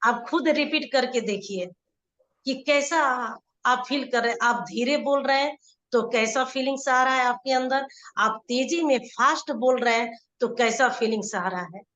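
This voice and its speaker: A woman's voice: sits high, normal speed, a bit bright, roomy sound, muffled recording. A woman life coach teaching a live online session, explaining and repeating her points as she speaks directly to viewers.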